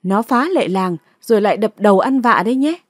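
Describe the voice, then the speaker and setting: A woman's voice: mid-range voice, expressive, brisk, dry recording, studio quality, lightly acted. A woman narrator voicing an angry, blustering male village headman. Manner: blustering, threatening.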